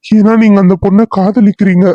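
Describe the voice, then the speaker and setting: A man's voice: sits high, level tone, a little fast, no echo, dull audio, lightly acted. Loyal police assistant in a cartoon serial, voiced by a man; earnest and coaxing. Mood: insistent. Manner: coaxing, insistent.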